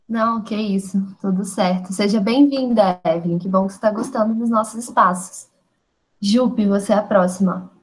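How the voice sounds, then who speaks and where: Moderating an online study group meeting casually, a woman keeps her comments brief and friendly while inviting each participant to speak. She talks at medium pitch and a moderate pace, though the audio is poor.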